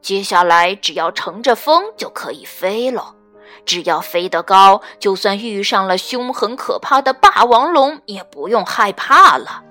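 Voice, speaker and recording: A woman voicing a calm, wise pterosaur father in a storybook, patiently giving instructions. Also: mid-range voice, unhurried, soft background music, voice pushed down. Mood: instructive.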